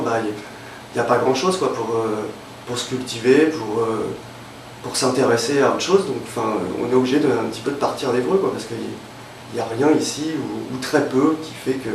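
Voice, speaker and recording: Picked up on a distant mic in a roomy setting, with faint ambience and a little hiss or hum, a young man speaks in a mid-range voice. He is a freelance illustrator from Évreux, Normandy, France, chatting casually in an interview with plenty of hesitation, fillers, and restarts.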